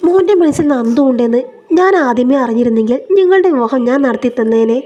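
A woman voicing a gentle elderly grandfather who speaks in a soothing, reassuring way. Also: fairly high pitch, expressive, fast, muffled recording.

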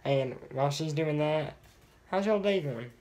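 A man's voice: on the high side, lively intonation, measured pace, a little mellow. A young man chatting casually to camera as a vlogger, recorded on a handheld phone in a small home bathroom.

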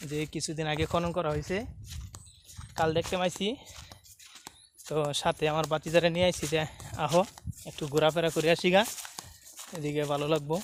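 Man with a mymensingh bengali accent, high voice, chatty walking vlog, outdoors by fields, faint background noise. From Mymensingh, Bangladesh. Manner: chatty, repeats himself, mixes dialect with standard speech. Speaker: vlogger. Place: outdoors in fields by a dry canal.

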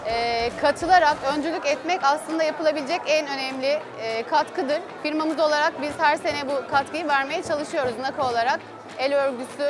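A woman's voice: sits high, a little fast, over music, crowd noise. A woman company representative giving a formal trade fair testimonial. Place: trade fair hall, indoors.

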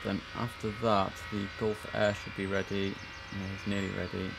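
A man with a croaky early-morning voice, chatting on a live stream while giving air traffic control calls. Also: deep voice, flat delivery, normal speed, over music. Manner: chatty, mixes slang with controller phraseology. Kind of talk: casual live-stream commentary with radio calls.

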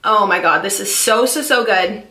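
A woman in her twenties from California, chatting quickly and eagerly about fitness products she uses. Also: mid-range voice, bright, forceful tone, roomy sound. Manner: fast, chatty, enthusiastic. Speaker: fitness vlogger. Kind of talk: casual product-review vlog.

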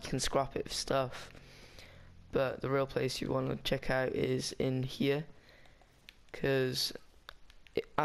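A man talks through a game walkthrough in a loose, rambling way, stopping and restarting as he goes. His voice is smooth and clear. His pitch stays flat and even throughout. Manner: rambling, chatty, with frequent restarts. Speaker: gaming guide maker. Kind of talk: casual game walkthrough voice-over.

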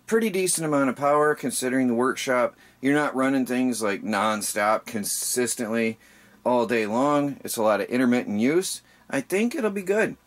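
A man talks through a project at his workshop bench in a casual, explanatory way. He pauses with ums and restarts his sentences as he goes. His voice sits in a medium pitch. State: tired. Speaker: DIY channel host. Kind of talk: casual how-to vlog. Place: indoor workshop bench by a window.

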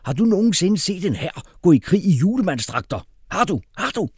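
A man voicing a furious, blustering grown man who shouts and rants. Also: mid-range voice, very animated, slightly rough, dry recording, studio quality, pitched above the performer's own voice. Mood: ranting. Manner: shouting, ranting, hammering questions.

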